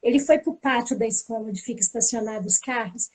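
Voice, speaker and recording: High-voiced woman telling a story. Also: brisk, slightly rough. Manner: lively storytelling, acting out the dialogue. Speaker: teacher and pedagogical coordinator. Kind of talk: casual spoken anecdote.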